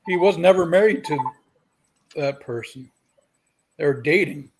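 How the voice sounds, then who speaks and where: A man's voice: fairly high pitch, expressive, a little slow, breathy edge. A man co-hosting a podcast, casually chatting and correcting the other speaker's facts. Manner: contradicting, fact-checking. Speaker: podcast co-host. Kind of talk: casual chat.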